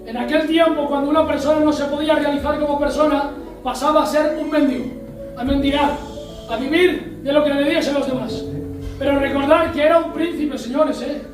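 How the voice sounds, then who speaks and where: High-voiced Spanish preacher in echoey church. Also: male voice, fairly even intonation, a little fast, music in the background. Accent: Spain Spanish. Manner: storytelling, acts out scenes with voices. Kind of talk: sermon. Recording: echoey church hall, mic at a distance.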